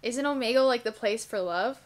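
Bubbly young woman vlogger, fairly high voice. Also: a little fast. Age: 20s. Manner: bubbly, teasing, laughs often. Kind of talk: casual chat and video-chat banter. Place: bedroom.

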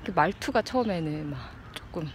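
A woman in her thirties chatting casually and reflectively to a phone at arm's length outdoors, in halting phrases as she searches for words. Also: deep voice, expressive. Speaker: vlogger. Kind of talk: casual reflective chat to camera. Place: outdoors in an open park with trees. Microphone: phone held at arm's length. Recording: clear outdoor background noise. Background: outdoor park ambience.

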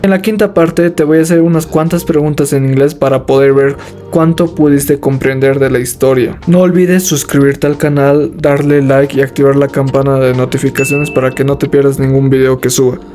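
A man's voice: mid-range voice, fairly even intonation, quick pace, warm tone, soft background music. A man presenting a language lesson in scripted instructional narration.

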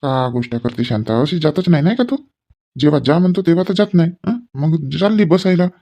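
A man's voice: a little high, lively intonation, fairly quick, warm tone. A man playing a village husband in a comic sketch, coaxing and placating his wife. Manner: coaxing, placating, rustic banter.

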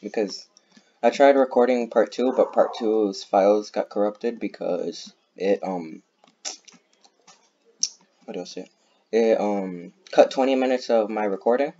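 A young gaming YouTuber talks casually over his own gameplay in a low voice, rambling with many fillers, laughing often, and breaking into quick bursts of excitement. His mic sounds dull and lo-fi, with faint hiss and keyboard clicks in the background.

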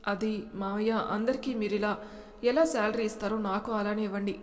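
A woman narrating a serialized family drama story and voicing every character herself, with rising emotion in the shouting scenes. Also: medium pitch, steady tone, moderate pace, big-room sound.

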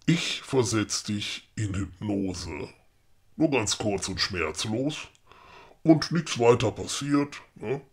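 A man's voice: on the low side, animated, takes it slowly, slightly rough, full character voice. A man with a Ruhr German accent playing a grumpy but helpful middle-aged woodcarver in a comedic audio play, chummy and matter-of-fact. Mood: scheming.

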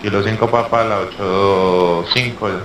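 A man, an airline pilot speaking over the radio, making brisk, matter-of-fact requests in radio phraseology. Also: on the low side, fairly even intonation. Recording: echoey, noisy radio channel.

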